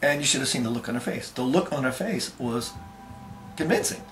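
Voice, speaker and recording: A man's voice: medium pitch, animated, fairly quick, a bit bright, roomy sound, soft background music. A man earnestly telling a first-person story, with emphatic conviction.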